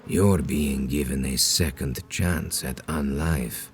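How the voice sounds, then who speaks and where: An actor playing an ancient, cold vampire sect leader in a video game, speaking in a solemn, grandiose, deliberate way. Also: male voice, very deep voice. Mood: grave menace. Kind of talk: dramatic video game villain dialogue.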